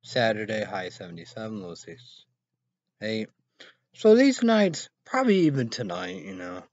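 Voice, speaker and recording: Expressive and gravelly, with a fairly low pitch, a man in his thirties rambles through weather and news headlines on a solo online show. He reads haltingly, spells words out, repeats phrases and bursts into loud exclamations. The small, dim room yields no echo, and his webcam or laptop mic at arm's length produces dull, lo-fi audio.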